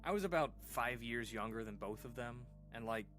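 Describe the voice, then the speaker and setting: In a radio horror drama, a male actor plays an uneasy man recounting an eerie childhood memory to listeners, with music underneath. His natural-sounding voice has very lively pitch, and the conversational monologue is hesitant, halting and informal, full of pauses and sighs.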